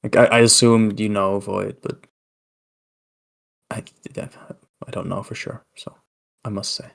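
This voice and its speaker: A man with a British accent bantering casually in a gaming voice chat, laughing often and calling out quick directions. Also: fairly low pitch, flat delivery, vocal fry, a bit bright. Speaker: gamer in group voice chat.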